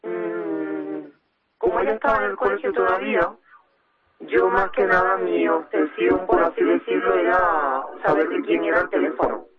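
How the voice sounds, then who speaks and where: Una mujer entrevistada en la radio como madre, con la voz distorsionada y bajada de tono para ocultar su identidad. Cuenta su historia con cuidado y vacila a menudo. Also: female voice, fairly even intonation, moderate pace, phone-quality sound, a loud crowd. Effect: voice distorted and pitched down to hide her identity. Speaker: mother interviewed as radio guest. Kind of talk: personal account in a radio interview.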